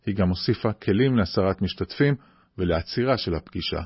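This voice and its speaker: A man's voice: low-pitched, lively intonation, slightly rough, dull audio. A man hosting a podcast, putting questions and explaining things in an informative way. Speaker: podcast host. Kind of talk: interview questions and scripted explanatory narration.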